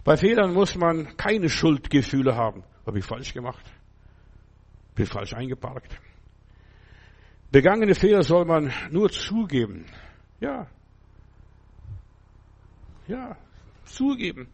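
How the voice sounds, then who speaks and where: Husky older German preacher, emphatic. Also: male voice, a little high, very animated, slow pace, long pauses. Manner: emphatic, conversational, keeps asking "verstehst du?". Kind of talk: sermon.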